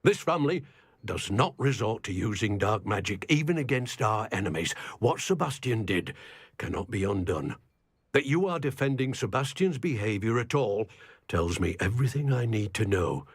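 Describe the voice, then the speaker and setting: An actor voicing a stern, indignant older uncle in a video game, commanding and moralizing like a strict family patriarch. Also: male voice, lowish voice, very animated, normal speed, husky, dry recording, clean studio sound, full character voice. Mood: outraged. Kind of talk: dramatic video game dialogue.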